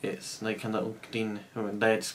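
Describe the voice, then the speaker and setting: A man's voice: on the low side, completely flat delivery, normal speed, fairly bright tone. A man with a Scottish accent chatting offhand and swearing casually while unboxing something at home. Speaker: vlogger unboxing a keyboard. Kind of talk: casual joking chat. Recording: noisy home video recording.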